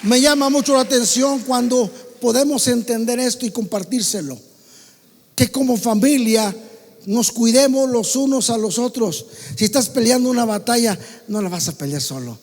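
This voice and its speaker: A man with a Mexican Spanish accent preaching a sermon to his congregation, swinging between loud calls and soft asides. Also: very high-pitched, normal speed, in a large hall. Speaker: pastor. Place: church hall.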